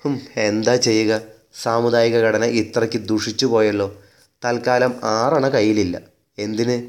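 Measured, wry male storyteller. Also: lowish voice, little pitch movement. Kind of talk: dramatic story reading.

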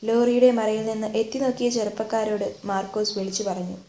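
A woman reading a literary story aloud in a measured way, re-reading her slips. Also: mid-range voice, steady tone, dark tone, slight background noise. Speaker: story reader. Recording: echoey room.

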